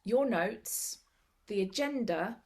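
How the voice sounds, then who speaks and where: A woman's voice: medium pitch, animated, takes it slowly, darkish tone, slightly rough. A woman sharing tips in a casual chat over a laptop video call, laughing often and acting out little quotes. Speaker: club member giving tips.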